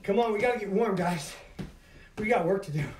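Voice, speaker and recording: High-pitched male aerobics instructor, urging. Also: brisk. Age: middle-aged. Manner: urging, motivating, calling out over exertion. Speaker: fitness instructor leading a home workout. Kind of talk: aerobics instructor calling out moves. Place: carpeted living room at home. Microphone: camera several metres away. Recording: echoey room, distant mic, noisy.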